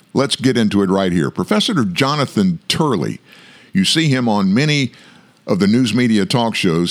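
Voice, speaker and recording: A man hosting an online political news commentary show, speaking emphatically with drawn-out stresses and asides to his listeners. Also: mid-range voice.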